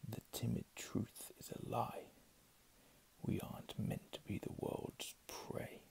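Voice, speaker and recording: A man reads quietly under his breath in an ASMR style. His whisper is heavily creaky and gravelly, and he takes his time over each phrase. The delivery stays soft and hushed, whether reading or murmuring a casual aside. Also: fairly low pitch, little pitch movement, slow. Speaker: ASMR reader.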